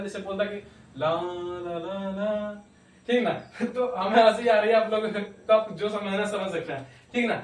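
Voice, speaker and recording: Teaching grammar in class, a man with a voice that sits high explains each step, checks in with his students through a recurring "ठीक ना," and laughs at himself occasionally. The audio comes from a distant mic in an echoey room, with faint noise.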